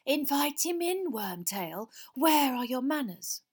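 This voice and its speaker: A woman voicing a cold, cruel dark lord in a storybook reading, with a whispery, slow and deliberate delivery. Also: high-pitched, sing-song, voice pushed up, heavily acted. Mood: cold, commanding. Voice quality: whispery, breathy.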